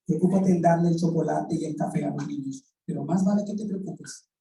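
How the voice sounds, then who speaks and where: Colombian pastor preaching in a church, mellow voice, roomy echo, a bit far from the mic. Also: medium pitch, fairly quick. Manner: storytelling, acts out quoted dialogue, asks the congregation rhetorical questions. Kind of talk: sermon. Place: church hall. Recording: echoey room, voice from off the mic.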